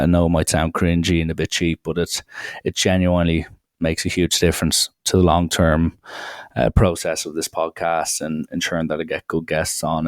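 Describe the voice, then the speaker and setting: Deep-voiced man hosting a podcast. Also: no room sound, clean studio sound. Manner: earnest, rambling with fillers. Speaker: podcast host. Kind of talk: casual podcast interview.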